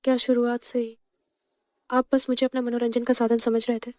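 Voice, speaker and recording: A woman's voice: fairly high pitch, level tone, normal speed, darkish tone, no room sound, clean studio sound, lightly acted. A woman playing a timid young wife. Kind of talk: dubbed drama acting.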